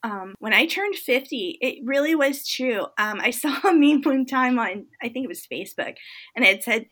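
A woman's voice: a little high, animated, normal speed, fairly bright tone. A woman in her fifties, an author guest on a podcast, talking at length in a casual, chatty way with plenty of fillers. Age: 50s.

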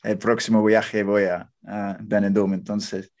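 A man conducts a casual interview, curious and asking many short follow-up questions, with encouraging fillers. His voice is lowish, level, and a little mellow, and he speaks a little slowly.

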